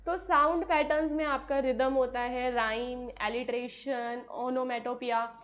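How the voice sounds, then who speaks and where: A woman's voice: high voice, fairly even intonation. A woman with an Indian accent teaching an exam-prep lesson, explaining in Hindi mixed with English, asking her students questions and answering them herself. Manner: explains in Hindi, mixing in English, reads English passages slowly.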